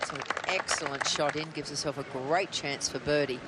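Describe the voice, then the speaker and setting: A man's voice: fairly high pitch, steady tone, moderate pace. A man working as a golf commentator, giving live commentary on play. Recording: noisy outdoor broadcast.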